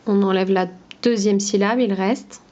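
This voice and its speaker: Slow, patient French teacher woman. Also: mid-range voice, fairly even intonation, mellow, lo-fi sound. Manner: slow, patient, sing-song teacher talk to a child. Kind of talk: phonics lesson for young children.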